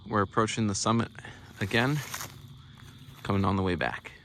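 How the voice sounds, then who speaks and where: A man's voice: fairly low pitch, pushed and bright, slight background noise. A man narrating casually while hiking a wooded mountain trail, a little out of breath, talking into a handheld phone. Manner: chatty, unhurried, with fillers. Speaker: hiker filming his walk.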